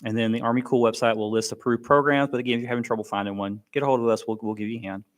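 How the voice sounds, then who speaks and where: Male briefer, mid-pitched, talks through program rules informally with many ums. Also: fairly even intonation, very fast. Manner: explains plainly with frequent ums and restarts. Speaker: education benefits briefer.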